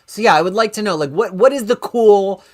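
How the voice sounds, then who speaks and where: A man's voice: high voice, brisk. Rambling man in casual, think-aloud chat. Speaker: show co-host.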